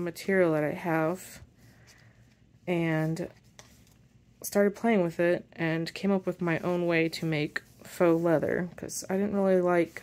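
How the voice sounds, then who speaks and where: A woman walking through her handmade journal page by page in a casual show-and-tell, unhurried and pausing as she handles the pages. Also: on the low side, darkish tone. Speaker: journal maker and shop seller.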